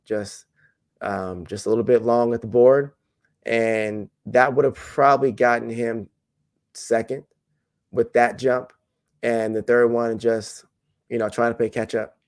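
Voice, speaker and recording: A man's voice: mid-range voice, unhurried. Man talking casually as a coach. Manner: relaxed, rambling with fillers and restarts. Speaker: jumps coach, guest. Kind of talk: casual podcast interview.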